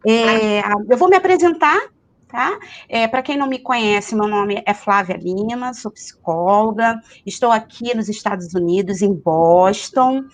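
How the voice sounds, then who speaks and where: Woman hosting a live chat over a video call. Her voice is a bit high, and she hesitates a lot with tag questions. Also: measured pace. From Rio de Janeiro, Brazil. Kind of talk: casual live-stream chat.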